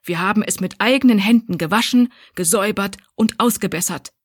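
A woman putting on a creaky, gruff grumpy old woman. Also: medium pitch, a little fast, no room sound, clean studio sound, close to an everyday voice. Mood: indignant. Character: stooped grumpy older woman, harsh.

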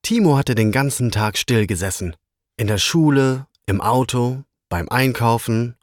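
Lively male children's story reader. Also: mid-range voice, unhurried, no echo, studio quality. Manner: lively expressive reading.

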